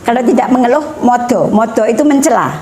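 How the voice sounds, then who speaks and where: A middle-aged woman talks through family matters in a measured, explanatory way. Her voice sits a little high. A faint hum of room noise lies under her speech. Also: a little mellow. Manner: measured, explanatory, mixing in Javanese phrases. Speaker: guest speaker on family education. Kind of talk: educational talk.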